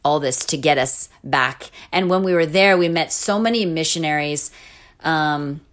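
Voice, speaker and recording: A middle-aged woman telling a personal story in a casual interview, animated, with restarts and laughing asides. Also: deep voice, a little slow. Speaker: interview guest.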